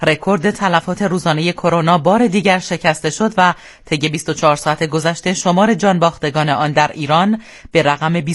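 A man's voice: on the high side, fairly bright tone. A man with an Iranian accent reads a scripted radio news bulletin in a solemn, formal newsreader manner. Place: radio studio.

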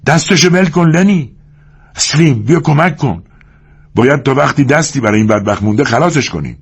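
A man voicing a loyal ranch hand who shouts urgent commands at his friend. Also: mid-range voice, big pitch swings, breathy edge, voice pushed up.

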